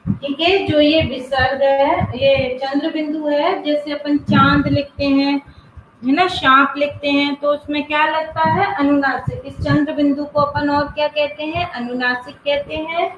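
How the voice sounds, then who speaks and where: High-voiced woman teaching grammar. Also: fairly even intonation, slight background noise. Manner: asks the class questions and answers them herself; slow, drawn-out spelling of example words. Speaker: school teacher. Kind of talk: online Hindi grammar class. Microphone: video call. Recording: roomy, muffled online class audio.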